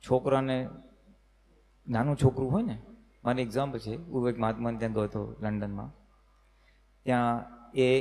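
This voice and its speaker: A man giving a spiritual discourse at a retreat, telling animated stories and dropping in English phrases. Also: on the high side. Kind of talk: spiritual discourse to a live audience.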